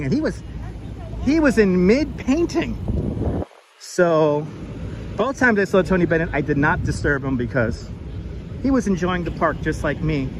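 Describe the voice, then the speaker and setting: A man with a high-pitched voice works as a tour guide on a livestream, projecting as he points out sights to his viewers. He is recorded outdoors on city streets, with clear traffic and urban noise behind him. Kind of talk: live walking tour commentary to online viewers. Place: outdoors on busy city streets and park edge.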